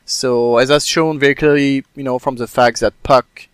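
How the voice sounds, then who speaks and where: A man's voice: medium pitch, steady tone, normal speed, smooth, no room sound. A man on a podcast panel, rambling with many fillers and hesitations. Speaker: podcast co-host. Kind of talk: casual podcast chat.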